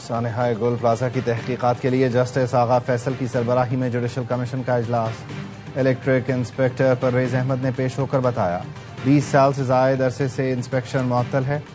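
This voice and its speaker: A man reading scripted news headlines in an even, formal manner. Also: mid-range voice, normal speed, over music. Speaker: news anchor.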